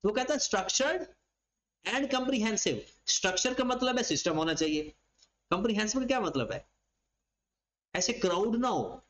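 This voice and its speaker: High-voiced man lecturing. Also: lively intonation, normal speed, pauses often, fairly bright tone, low-quality recording. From Pakistan. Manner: explains by asking and answering his own questions. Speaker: accounting lecturer. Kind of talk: classroom lecture.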